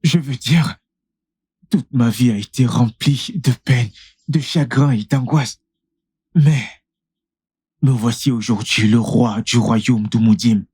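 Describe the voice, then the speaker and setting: A gentle humble young king. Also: mid-range voice, takes it slowly, long pauses, breathy edge. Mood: earnest. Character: humble young man newly crowned king. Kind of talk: dubbed film acting.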